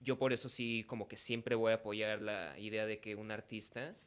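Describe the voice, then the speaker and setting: A man hosts a relaxed interview podcast. His voice sits low for a man. He talks in a considered, articulate way and weighs each point before he makes it. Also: normal speed, smooth. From Mexico. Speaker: podcast host. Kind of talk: casual conversational interview.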